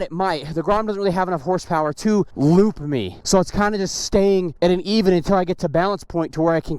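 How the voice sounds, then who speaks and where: A young man vlogging outdoors, chatting casually and swearing while practicing wheelies, excitable and easily frustrated. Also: high-pitched, smooth, no echo. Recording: noisy outdoor recording with engine sounds.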